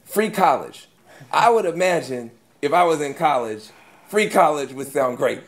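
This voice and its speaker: Male moderator, animated pitch, playful, presses the panel. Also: moderate pace. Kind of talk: panel discussion.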